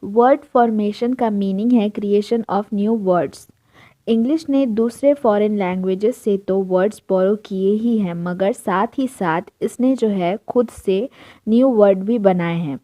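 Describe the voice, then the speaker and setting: A woman's voice: medium pitch, measured pace, warm tone. A woman teacher explaining a lesson step by step, listing examples one after another. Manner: methodical, lists examples one by one. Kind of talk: explanatory lesson in Hindi-English mix.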